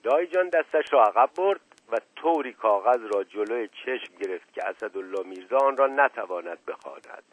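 Measured male audiobook narrator. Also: mid-range voice, expressive, low-quality recording. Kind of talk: scripted narration.

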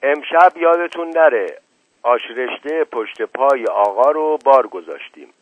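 A man voicing a hospitable middle-aged housewife in a raised, higher voice, on a dull lo-fi radio recording. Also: animated, no room sound, close to an everyday voice. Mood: announcing.

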